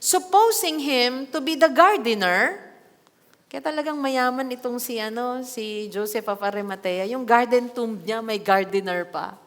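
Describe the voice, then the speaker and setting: A woman pastor preaching a sermon in a church hall, reading scripture and adding lively asides with acted quotes. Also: on the high side, measured pace. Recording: long hall reverb.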